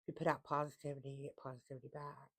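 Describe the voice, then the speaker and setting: In a relaxed tarot session, a woman with a low voice reads out card text in a slow, deliberate way, going back over her points to stress them. There's little movement in her pitch, and her tone is fairly bright.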